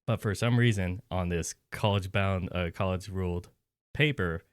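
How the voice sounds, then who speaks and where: A man's voice: sits low, moderate pace, smooth, no echo, studio quality. A man narrating as game master, rambling with filler words and restarts.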